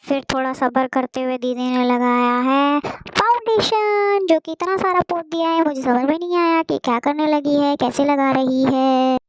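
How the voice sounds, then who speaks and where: A woman's voice: high voice, steady tone, normal speed, hardly any pauses. A young woman giving a sarcastic, exasperated comic voice-over about a beauty visit. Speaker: beauty vlogger.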